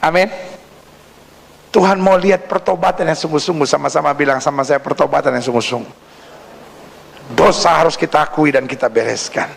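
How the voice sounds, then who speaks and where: A male pastor preaching a sermon, swinging from loud, emphatic calls to soft, hushed prayers as he acts out what people say. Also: a little high, a little fast, gravelly, pauses often. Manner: preaching with dramatic swings, acting out prayers and quotes. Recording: echoey hall.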